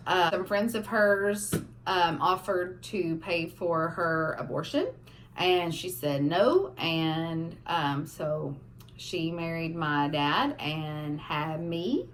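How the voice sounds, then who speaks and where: A young woman, casually telling family stories on a vlog, animated as the stories build. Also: on the low side, slow, slight background noise. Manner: animated storyteller, laughing through funny parts. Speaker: family vlogger. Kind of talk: casual storytelling.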